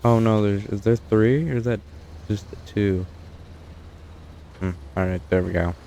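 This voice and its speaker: A man's voice: fairly low pitch, steady tone, unhurried, creaky, dark tone, a little hiss or hum. A young man giving casual, rambling commentary while playing a truck-driving game, with dry asides and frequent self-corrections. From United States. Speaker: gameplay streamer. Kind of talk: casual let's-play commentary.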